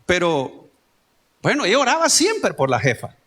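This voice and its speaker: A man's voice: high voice, wildly swooping pitch, normal speed, a bit bright. A male pastor with a Salvadoran Spanish accent, preaching a sermon in a conversational way with homely stories and asides. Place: church.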